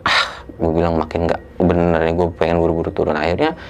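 Man, young adult, casual storytelling, rough slang, fairly low voice, sudden loud quoted lines. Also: fast, highs cut off. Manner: animated, coarse slang, acts out quotes with sudden raised voice. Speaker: storyteller guest.

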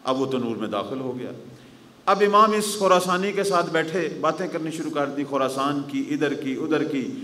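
A man giving a mourning-gathering sermon as a religious scholar, telling stories dramatically and swinging between raised declamation and hushed grief. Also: a little high, slight background noise. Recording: roomy hall echo.

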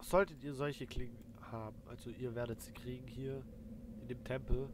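Casual male gamer over loud noise. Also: mid-range voice, steady tone, normal speed. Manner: colloquial, thinking aloud. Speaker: let's play host. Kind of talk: casual gameplay commentary. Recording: loud game noise behind voice. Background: video game sounds.

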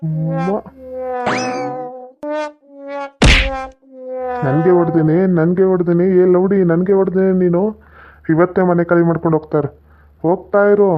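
An actor with a North Karnataka Kannada accent playing a pushy, lecherous middle-aged village moneylender with a coaxing drawl. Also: male voice, sits high, steady tone, a little fast, faint music behind, natural voice. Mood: angry. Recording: tinny phone-like audio.

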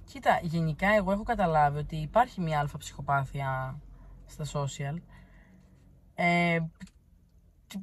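A woman's voice: low voice, long pauses. A woman from Crete, answering viewer comments in a blunt, teasing, chatty way. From Crete, Greece. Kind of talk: casual chat.

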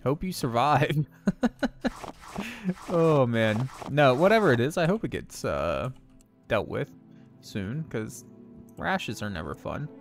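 Over background music, a man streams a game and chats with viewers in a very animated mid-range voice, going slowly and pausing often. He laughs frequently, and his nose is slightly stuffed up.

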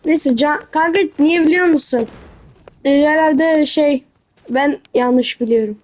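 A woman's voice: high voice, a little slow, a little mellow. A young woman giving chatty commentary on her game, her voice echoing as if in a cave. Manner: chatty, talks to a teammate as she plays. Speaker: gamer commenting on her own match. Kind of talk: casual let's-play commentary.

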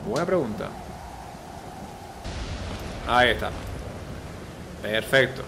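A man's voice: medium pitch, lively intonation, slow, background noise. A man, a gaming video host giving casual gameplay commentary, chatty and thinking aloud with repeated filler words.

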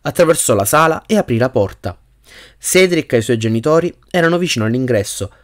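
Man, audiobook narrator, mid-pitched voice, steady reading, occasional self-corrections. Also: fairly quick. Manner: reads steadily with small slips and self-corrections. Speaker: audiobook reader.

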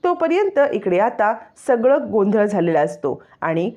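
A woman's voice: mid-range voice, measured pace, muffled recording. Woman retelling a story steadily. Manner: steady narration with inline voices. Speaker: storyteller recapping a serial.

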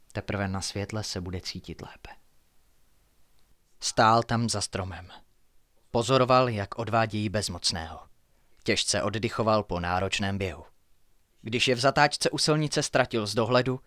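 With a lowish voice, a man delivers his own horror tale in hushed, suspenseful tones, sometimes falling to near-whispers.

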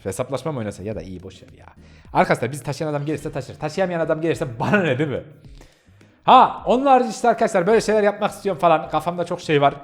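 A man's voice: a little high, expressive, rapid-fire, faint music behind. A man hosting his gaming channel, chatting casually to viewers while he plays and bursting into yelps and laughter. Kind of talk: casual gameplay commentary.

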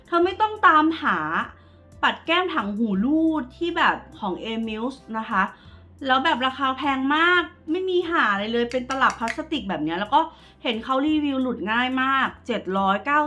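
A woman's voice: on the high side, sharp tone. A woman doing a casual makeup review vlog, chatting to viewers like friends in a slangy way. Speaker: beauty vlogger.

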